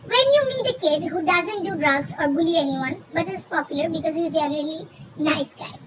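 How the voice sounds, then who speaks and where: A woman hosting the show sounds like a squeaky cartoon chipmunk thanks to a pitch-raising effect, and she talks a little fast as she loosely comments on and reads online posts. There is a lot of noise in the audio.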